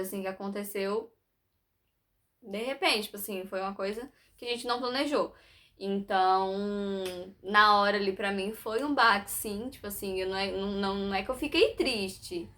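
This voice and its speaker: A woman's voice: medium pitch, sharp tone. Chatty young woman vlogger. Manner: chatty, rambling, lots of fillers and asides to viewers. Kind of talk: casual storytelling to camera.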